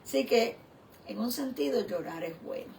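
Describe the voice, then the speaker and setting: A woman pastor preaching a sermon in a slow, reflective way, often asking the listener questions. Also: fairly high pitch, expressive, gravelly, a little mellow, slight background noise.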